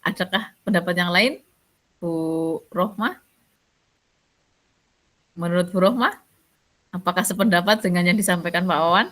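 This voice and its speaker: A woman's voice: on the low side, normal speed, pauses often, fairly bright tone. A woman leading a group discussion among teachers, summing up and inviting others with brief prompts. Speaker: discussion moderator.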